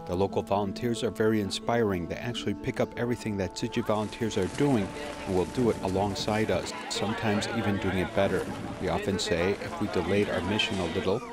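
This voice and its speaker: Man, low voice, calm interview dub, music in background. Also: fast. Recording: voice-over with music underneath.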